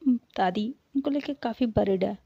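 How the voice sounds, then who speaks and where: A woman's voice: mid-range voice, a little slow, dark tone, breathy edge, dry recording. A woman voicing an earnest young woman who pleads and argues with her mother, in a storybook reading. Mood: insistent. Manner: pleading, insistent. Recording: dull lo-fi recording.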